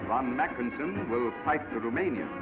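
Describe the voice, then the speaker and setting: A man's voice: medium pitch, lively intonation, normal speed. A man giving dramatic, declaiming narration in the style of an old newsreel. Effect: old newsreel sound. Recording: dull archival newsreel audio over loud music.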